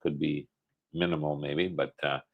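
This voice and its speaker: A man's voice: a bass voice, fairly even intonation, moderate pace, vocal fry, breathy edge, phone-quality sound. A man co-hosting a casual livestream in an easygoing way, reading viewer comments aloud and chatting.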